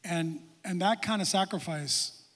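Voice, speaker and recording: Man, pastor, sermon, animated, high voice, long hall echo. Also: a little slow. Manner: animated, swings from quiet to loud exclamations. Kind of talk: sermon to young adults.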